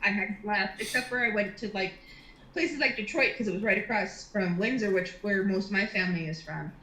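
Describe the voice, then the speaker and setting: A woman's voice: medium pitch, fairly quick, pushed and bright, reverberant, rough recording. A woman from Ontario, likely in her thirties, chatting casually as a guest, rambling with fillers and restarts. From Ontario, Canada. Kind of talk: casual chat.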